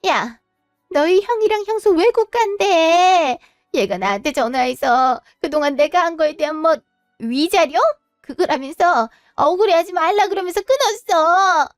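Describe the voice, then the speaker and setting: A flustered, domineering old mother who scolds and sputters, voiced by a woman. Her voice is very high and sounds dry and close. Soft music runs behind her. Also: expressive, unhurried, no room sound. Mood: upset. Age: older.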